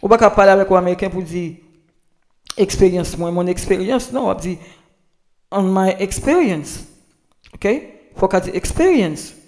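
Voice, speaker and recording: Speaking with a Haitian Creole accent, this language tips presenter has a high-pitched, somewhat mellow voice. He gives a casual pronunciation lesson, halting often, repeating himself and starting over again and again.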